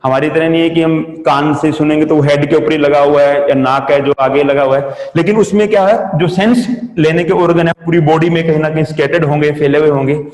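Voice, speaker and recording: High-voiced male teacher in an echoey classroom. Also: fairly even intonation, brisk, hardly any pauses, darkish tone. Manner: explains step by step, asks and answers his own questions. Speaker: agriculture entomology teacher. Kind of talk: classroom lecture. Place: coaching classroom. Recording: echoey classroom with long reverb.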